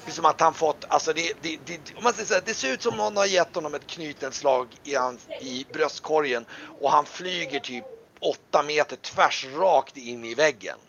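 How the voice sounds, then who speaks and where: A man's voice: creaky, fairly bright tone. A man narrating a tabletop game as game master, rambling with many fillers. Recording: dull lo-fi sound with faint rumble.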